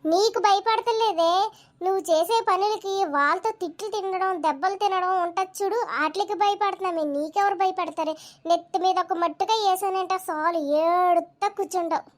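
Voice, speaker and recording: A woman's voice: very high voice, fairly even intonation. A woman voicing a young cartoon schoolboy, an elder brother who whines, complains and panics easily. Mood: annoyed. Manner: whiny, complaining, quick to panic. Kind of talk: cartoon voice dubbing.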